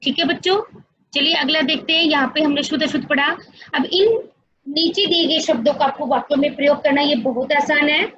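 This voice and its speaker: A woman's voice: sits high, a little fast, a bit bright, highs cut off. A woman teaching an online class to young children, explaining patiently step by step and often addressing them directly. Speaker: school teacher.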